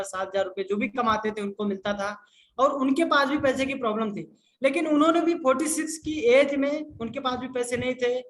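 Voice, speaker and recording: A man, a business consultant, answering viewer questions in an insistent, repetitive sales pitch and often calling the listener sir. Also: a bit bright. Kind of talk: persuasive sales talk in a live Q&A. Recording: echoey room with faint noise.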